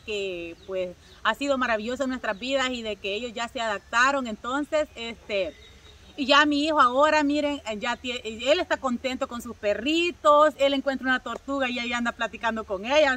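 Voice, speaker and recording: Salvadoran lady vlogging, chatty, lots of fillers, bit far from the mic. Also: high-pitched. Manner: chatty, warmly addresses viewers, many filler words. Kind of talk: casual storytelling to viewers.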